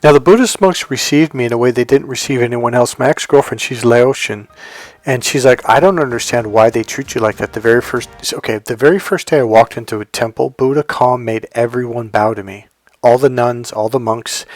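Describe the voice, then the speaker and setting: A higher-pitched American man, a dating coach from California, tells stories from his personal history a little fast, with no echo in the recording. His style is conversational and digressive, and he speaks straight to viewers.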